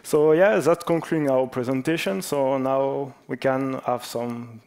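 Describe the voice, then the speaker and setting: A man with a mid-pitched voice presents at a conference. He runs a lighthearted quiz, teasing the audience with jokes before he reveals each answer. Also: steady tone, measured pace, a little mellow. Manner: playful, jokes about national clichés. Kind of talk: conference talk with joking quiz.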